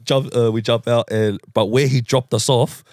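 A young man hosting a podcast, telling a story in a casual, animated way, laughing often and swearing freely. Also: mid-range voice, normal speed, no echo, clean studio sound. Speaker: podcast host.

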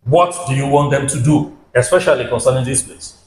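A man with a West African English accent hosting an on-location travel interview. He keeps the talk lively and repeats his guests' answers back to them. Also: mid-range voice, brisk, echoey room, slight background noise. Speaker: travel vlogger interviewing staff. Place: indoor restaurant and office.

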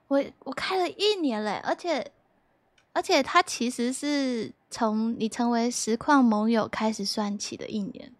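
A woman's voice: high-pitched, no room sound. Giggly young woman streamer chatting. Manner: giggly, playful, reads chat aloud. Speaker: livestreamer. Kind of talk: casual chat with viewers.

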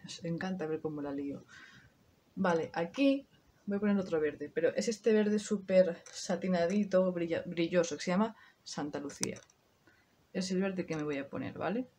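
A woman's voice: on the low side, normal speed, mellow, slight background noise. A woman in her thirties with a Spain Spanish accent, chatting casually to her viewers through a makeup tutorial, swearing now and then. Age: 30s. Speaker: beauty vlogger.

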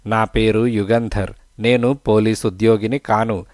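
A man voicing a calm, kindly male detective in an audiobook, questioning a witness with gentle patience. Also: lowish voice, unhurried, no room sound, clean studio sound, close to an everyday voice. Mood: gently probing.

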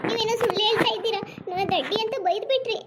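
A chirpy, naive young daughter-in-law, voiced by a woman for a cartoon, chatty and pleading in a Kannada accent. Her voice is very high and she talks fast. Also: very noisy. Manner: chatty, pleading, sing-song. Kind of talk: cartoon voice acting.

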